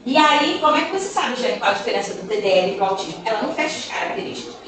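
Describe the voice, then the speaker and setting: A woman with a high voice tells stories in a casual talk to a group of teachers, playing the voices of the children and parents she describes. She is recorded from a distance, and a heavy echo fills the room. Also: very fast, background noise. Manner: animated storytelling, acting out children and parents. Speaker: guest speaker on gifted education. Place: large room or hall at a school training session. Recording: echoey room, voice from far off.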